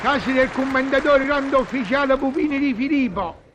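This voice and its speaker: A man's voice: extremely high pitch, fairly quick, crowd noise, background noise. A man playing a naive, bumbling male servant who stammers and mangles words, in a vintage television comedy sketch. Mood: eager. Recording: dull lo-fi old TV audio.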